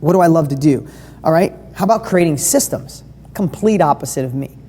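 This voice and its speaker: A woman's voice: sits low, expressive, a little fast, dark tone, breathy edge. Enthusiastic woman coach in a reverberant hall. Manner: enthusiastic and conversational, asks the audience questions. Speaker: business coach. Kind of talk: live online training talk.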